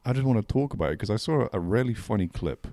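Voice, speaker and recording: A podcast co-host with a lowish, dark voice talks animatedly and quickly in casual chat, heard in a dry recording. He laughs a lot, stumbles into restarts, and uses slang.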